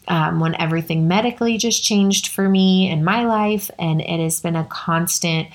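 A woman talks through a personal story for her podcast, circling back on words and leaning on casual fillers. Her voice sits a little low and carries a gravelly, fry-edged texture. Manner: earnest, repetitive, conversational with many fillers. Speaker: podcast host.

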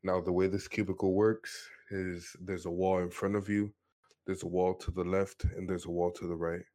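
A man's voice: low voice, little pitch movement, normal speed, mellow. A man in his twenties from Miami tells his personal story in an earnest, matter-of-fact way during a casual interview. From Miami, Florida, USA. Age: 20s.

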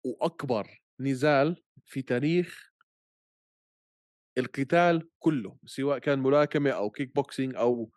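A man with a Levantine Arabic accent chatting casually as a podcast co-host, telling things in an animated way and dropping English words into his Arabic. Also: medium pitch, normal speed, long pauses, dry recording, studio quality.

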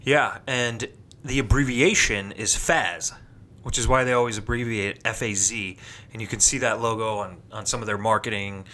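A man co-hosting a podcast in casual chat, easygoing and quick to laugh. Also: on the low side, steady tone, pushed and bright. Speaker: podcast co-host.

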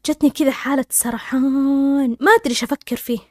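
A woman's voice: high voice, steady tone, a little mellow, no echo, studio quality. A woman telling an intense personal story, quoting people as she goes. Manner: rapid, intense retelling full of quoted dialogue. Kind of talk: emotional first-person storytelling.

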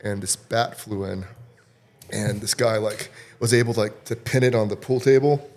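A man's voice: lowish voice, moderate pace, darkish tone. A young man from Florida, a podcast guest, telling casual stories and swearing freely. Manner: laid-back storyteller, swears freely. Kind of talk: casual chat.

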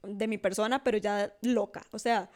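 A woman's voice: mid-range voice, steady tone, normal speed, a little mellow. A young woman with a Costa Rican accent co-hosting a podcast, chatting in a playful, self-mocking, slangy way. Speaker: podcast co-host. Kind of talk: casual chat.

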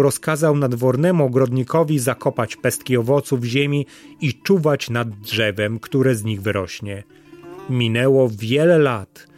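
A man reading a fairy tale aloud as a storyteller, in a measured way that slows down for solemn moments. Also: medium pitch, a little mellow. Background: faint guitar music.

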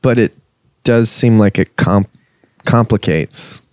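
Laid-back low-voiced young man. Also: slow pace, darkish tone, dry recording, studio quality. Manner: laid-back, rambling, swears casually. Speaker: podcast co-host. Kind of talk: casual podcast chat.

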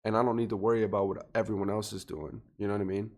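Low, gravelly young man, reflective. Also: flat delivery, very fast, darkish tone. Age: 20s. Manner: earnest and reflective, thinking aloud. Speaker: podcast guest. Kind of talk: casual podcast chat.

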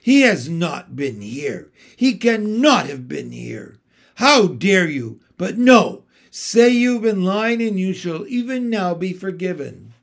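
A man reading a storybook aloud and voicing a cruel, imperious witch queen who gives loud, cold commands. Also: high voice, very animated, slow pace, exaggerated voice. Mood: imperious, furious.

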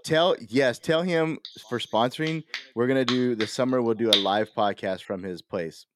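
A man co-hosting a casual podcast, rambling and swearing with lots of fillers, excitable. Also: mid-range voice, normal speed, background noise. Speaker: podcast co-host.

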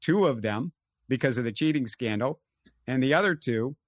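A man hosting a casual sports talk show, animated and full of fillers. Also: medium pitch, normal speed, dry recording. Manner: animated, talks in bursts with fillers. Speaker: podcast host.

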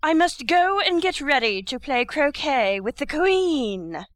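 A woman playing a bad-tempered, domineering Duchess in an audiobook drama, blunt and scolding, with a hoarse growl. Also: sits high, big pitch swings, slow pace, no echo, heavily acted. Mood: brusque. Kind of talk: full-cast audiobook character acting.

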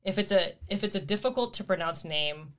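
A woman's voice: on the low side, lively intonation, brisk. A woman in her thirties co-hosting a casual chat with her cousin, chatty and laughing often. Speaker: podcast co-host.

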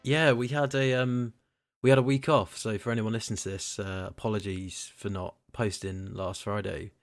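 A man's voice: lowish voice, normal speed, no room sound, clean studio sound. A man hosting a casual gaming podcast, chatting and laughing easily with his co-host. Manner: laughs often, relaxed banter. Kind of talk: casual chat.

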